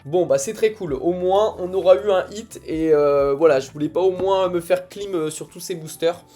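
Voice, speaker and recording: A young man giving casual commentary as he opens trading card packs, reacting excitedly to each card as it comes. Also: high-pitched, moderate pace, faint music behind. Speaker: card collector opening booster packs. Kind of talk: casual pack-opening commentary.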